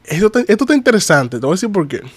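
A man, recapping wrestling on a casual live stream, chatty and animated, greeting viewers in the chat. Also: high-pitched, rapid-fire, noisy background.

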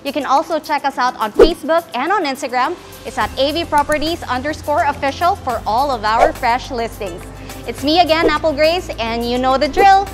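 A woman's voice: high-pitched, animated, normal speed, over music. A young woman from the Philippines hosting a real estate house tour, walking through rooms and talking upbeat and salesy to her viewers. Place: large empty townhouse interior, indoors. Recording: roomy echo from bare rooms.

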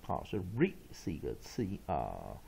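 A man teaching English pronunciation, spelling out letters and repeating words to drill them, often ending phrases with a soft "ha". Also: a bass voice, wildly swooping pitch, moderate pace, gravelly, breathy edge. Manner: tags phrases with a soft "ha" particle. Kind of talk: pronunciation lesson.

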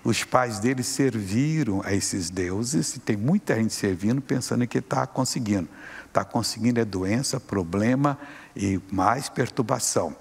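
A man's voice: lowish voice, measured pace, vocal fry, breathy edge, long reverb tail. A man with a Brazilian Portuguese accent preaching a sermon, telling stories and acting out dialogue.

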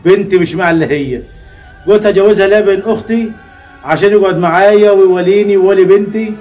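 A man's voice: high voice, quick pace, a little mellow, faint music behind, natural voice. A man with an Egyptian Arabic accent playing a pious blind old father who is betrayed, pleading and praying in an amateur drama skit. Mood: lamenting. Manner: pleading, prayerful, lamenting.

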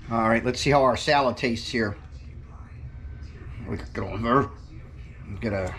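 A man's voice: fairly high pitch, a bit bright. A middle-aged man from New Jersey, a fishing vlogger chatting upbeat to his viewers while he cooks. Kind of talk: casual cooking vlog.

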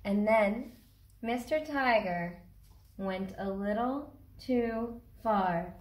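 A woman in her thirties reads a picture book aloud to young children from inside a small cardboard fort, where the room sounds echoey. Her medium-pitched voice draws out words expressively, and she asks her listeners simple questions.

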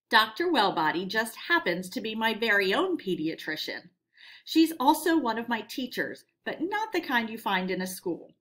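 Speaking directly to her pupils, a woman teacher runs a read-aloud lesson in an instructional manner. She takes her time, and her pitch moves about in a lively way.

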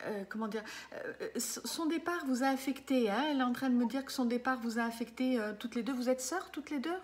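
In a small room, a woman in her fifties works as a medium, giving a live reading to a client over a desk webcam. Her voice is a little high with a dark tone, and she hesitates, uses many fillers, and keeps checking in with her listener.

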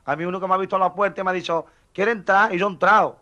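A man's voice: sits high, fairly even intonation, rapid-fire, sharp tone, dull audio. Man voicing a simple muttering stadium man. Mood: plaintive.

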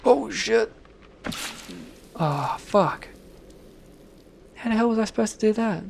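A man narrates his gameplay in an unhurried drawl with a rough, gravelly texture. He swears through nearly every line and bursts out whenever something catches him off guard. A steady noisy hiss sits under the whole recording. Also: high voice. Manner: swears constantly, jumpy outbursts at sudden deaths. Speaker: let's play gamer. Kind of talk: gameplay commentary.

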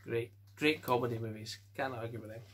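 A Scottish man casually going through his film collection at home, giving offhand quick verdicts and chuckling to himself. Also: medium pitch, fairly even intonation, a bit bright, slight background noise. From Scotland. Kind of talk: casual chat.

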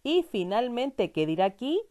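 A woman's voice: on the high side, very animated, moderate pace, warm tone. A woman teacher, giving a reading lesson to young children in a patient, encouraging way and answering her own questions.

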